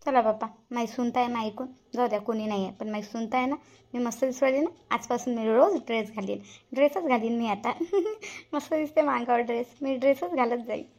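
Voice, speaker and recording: A touchy, scolding elderly village woman from a cartoon comedy, voiced by a woman. She talks high and fast. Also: darkish tone. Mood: indignant. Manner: indignant, scolding. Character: touchy elderly village woman Shantabai, proud of her dress. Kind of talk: cartoon voice acting.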